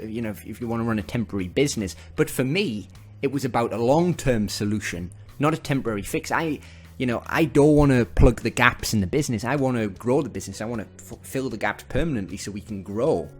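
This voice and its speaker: A man with a northeast England accent giving casual, upbeat business advice straight to camera, chatty and salesy. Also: medium pitch. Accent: northern English, northeast England.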